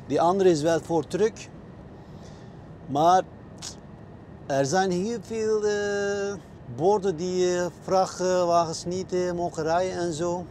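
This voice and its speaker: A man's voice: high-pitched, steady tone, takes it slowly, pauses often, mellow, slight background noise. A man driving a truck, talking casually to his viewers while he figures out his route, with many hesitations and fillers. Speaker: truck driver vlogger. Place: truck cab.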